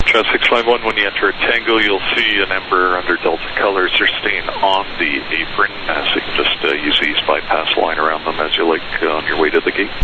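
A man's voice: sits low, steady tone, brisk, hardly any pauses, muffled recording. A man working as an air traffic controller, giving procedural instructions over aviation radio. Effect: aviation radio transmission.

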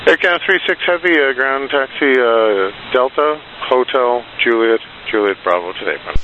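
A man's voice: medium pitch, animated, normal speed. A male air traffic controller giving clipped, procedural instructions over the radio. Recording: dull radio audio, faint hiss.

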